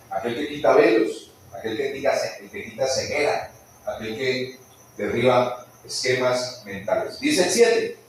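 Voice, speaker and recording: A man preaching a sermon in a church hall, animated and often putting questions to the congregation. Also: on the high side, slight background noise. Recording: echoey church hall, mic at a distance.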